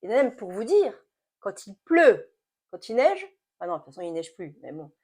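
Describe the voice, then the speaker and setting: A woman in her late forties, chatting casually to camera as a beauty vlogger, animated and stop-start with repeated words. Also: mid-range voice, normal speed, slightly rough. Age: late 40s.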